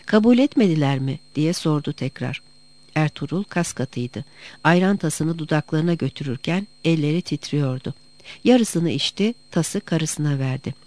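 A narrator reads a historical novel aloud in a steady, measured way. The voice sits in a middle pitch. The delivery is plain scripted storytelling. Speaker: audiobook narrator.

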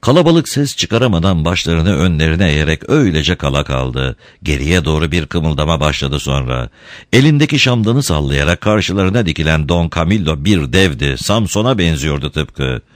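A man narrating a storybook in an expressive, dramatic way. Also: rumbling low, normal speed, no room sound, clean studio sound. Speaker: audiobook reader.

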